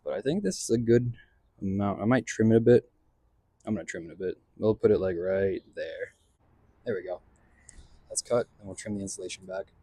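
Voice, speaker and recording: In and around a pickup truck, a vlog host narrates his own hands-on car install, thinking aloud in a laid-back, slangy way. His voice is on the low side, mellow and slightly rough, fairly quick with long pauses, in a dry recording.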